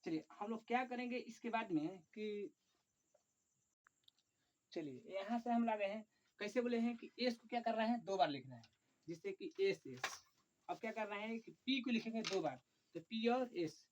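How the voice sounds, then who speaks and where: A man teaching an online chemistry lesson, dictating slowly and repetitively, often saying "look" and counting aloud. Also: high voice, lively intonation. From Bihar, India. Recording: dull lo-fi recording.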